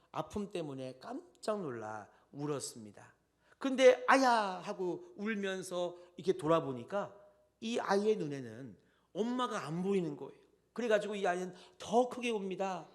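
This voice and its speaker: A man preaching a Sunday sermon as pastor, swinging between loud and soft and often addressing the congregation directly. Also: fairly high pitch. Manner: tells stories with addresses to the congregation.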